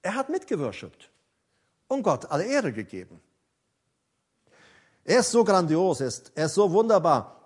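Fervent high-voiced preacher. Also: male voice, big pitch swings, normal speed, long pauses, slightly rough. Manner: fervent, swinging between loud emphasis and soft near-whispers. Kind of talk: sermon. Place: church during a worship service.

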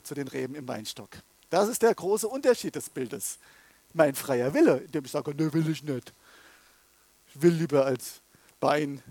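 Man, sermon, animated preacher, acts out inner voices, husky, dry close sound. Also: sits high, no room sound. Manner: swings between soft and loud.

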